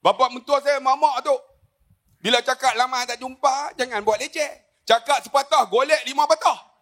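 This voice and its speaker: High, bright-voiced man in his fifties. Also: normal speed. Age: 50s. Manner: jokey storytelling, addresses the audience often. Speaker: religious speaker on a forum panel. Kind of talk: humorous religious forum talk.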